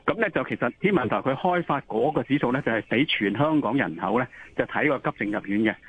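A man's voice: mid-range voice, expressive, fast talker. A man with a Hong Kong Cantonese accent, an expert guest explaining didactically over the telephone, repeating points for emphasis. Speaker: interview guest, occupational health expert. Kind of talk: explanatory interview answers. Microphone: telephone call. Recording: tinny phone line with noise.

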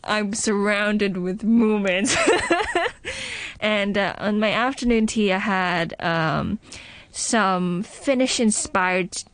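A woman radio presenter chatting in a relaxed way, with fillers. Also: mid-range voice, slow. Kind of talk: casual radio chat and scripted links.

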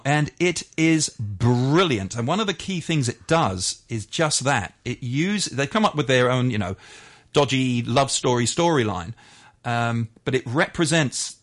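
A middle-aged man, a radio DJ, chatting as a guest in a casual interview, rambling with many fillers and restarts. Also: medium pitch.

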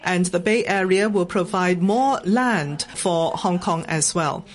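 A woman interpreting live as a translation voice-over, halting, with pauses and fillers. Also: on the low side.

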